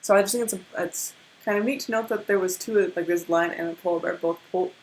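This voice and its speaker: A young woman with a slight stutter talks through a tarot card reading in a casual, rambling way. Her voice sits a bit low and sounds tired from lack of sleep. There is a faint hiss behind her. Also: fast talker, low-quality recording. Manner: stutters, with many restarts. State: tired from little sleep, yawning. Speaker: tarot reader.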